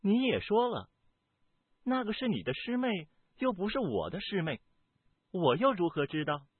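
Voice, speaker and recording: A sly young demon sorceress purrs in a high, husky falsetto that swoops coyly up and down, as a man reading the story puts her on. The sound is dry and tinny, like a phone line, and she mocks with sugary sweetness. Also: very animated, normal speed, no echo, heavily acted. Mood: teasing, coy.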